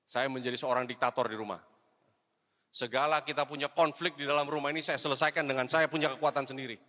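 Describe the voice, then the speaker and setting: Bright-voiced preacher in a reverberant hall. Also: male voice, mid-range voice, fairly even intonation, fast. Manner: personal storytelling, mixes English phrases, addresses "saudara"; swings between loud exhortation and hushed confession. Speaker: evangelist preacher. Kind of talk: sermon. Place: church hall.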